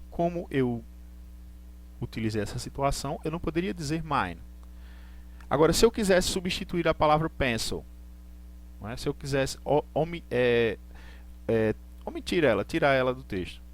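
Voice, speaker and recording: Patient teacher. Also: male voice, fairly high pitch. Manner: patient, repeats points, reads English examples slowly and deliberately. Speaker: English teacher. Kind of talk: live online class.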